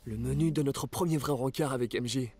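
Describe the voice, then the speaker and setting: A man's voice: mid-range voice, brisk, darkish tone, a little hiss or hum, natural voice. A young man acting a friendly, awkward, wisecracking superhero in a French video game dub, earnest and natural. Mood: nostalgic. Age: young adult. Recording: game music behind.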